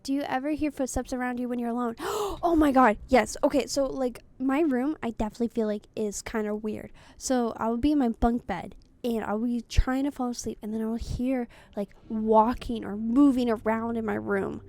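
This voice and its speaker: A young woman with a high, mellow voice chats casually through a game as a streamer. She talks bluntly and swears freely, moving from one answer to the next. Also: fairly even intonation, normal speed, few pauses, dry recording. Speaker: VTuber streamer. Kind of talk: casual gameplay commentary.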